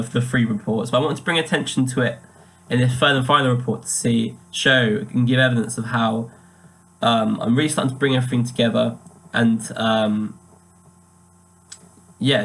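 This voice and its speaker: A young man, a language student talking through his pronunciation coursework, hesitant with many fillers, slowing down to sound out German words. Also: mid-range voice, fairly bright tone. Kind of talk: spoken coursework reflection. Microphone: webcam.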